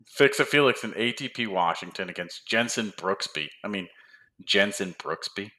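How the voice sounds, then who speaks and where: Low-voiced guy bragging about his bets, bright tone. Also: expressive, normal speed, a little hiss or hum. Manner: playful, boastful banter. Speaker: podcast co-host. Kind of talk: casual sports betting chat.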